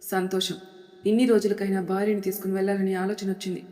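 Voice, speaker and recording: A woman voicing a gentle, reassuring old grandfather. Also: medium pitch, little pitch movement, fast talker, close to an everyday voice. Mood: tender. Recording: long reverb.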